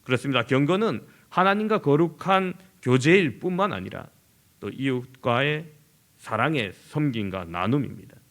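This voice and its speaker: A middle-aged man from southern Korea, a senior pastor preaching a sermon in an animated way and acting out everyday conversations. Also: medium pitch, normal speed. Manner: animated, acts out everyday dialogue in lively voices.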